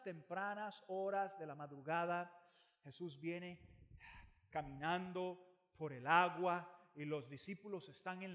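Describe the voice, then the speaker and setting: A man preaches with a high voice and an unhurried pace, retelling a scripture story like a drama. He pushes some lines out loud and lets others fall almost to a hush. He repeats key phrases to hammer them home. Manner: dramatic, swings between loud emphasis and near-hushed lines. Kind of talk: storytelling sermon.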